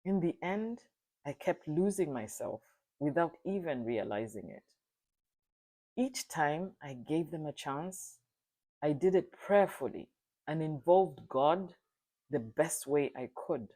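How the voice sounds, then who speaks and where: A speaker from Zambia giving an earnest, solemn personal testimony, sometimes halting and restarting. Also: medium pitch, lively intonation, dark tone. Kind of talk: reflective spoken testimony.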